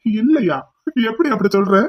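A man's voice: sits high, animated, moderate pace, muffled recording. A man voicing a cruel male kidnapper in a cartoon drama, taunting and threatening his captive with mocking questions.

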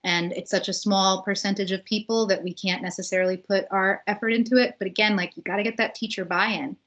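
A woman's voice: medium pitch, steady tone, brisk, fairly bright tone, muffled recording. A woman from the United States speaking casually as a panelist in a webinar on a video call, with fillers and tag questions. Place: home room on a video call.

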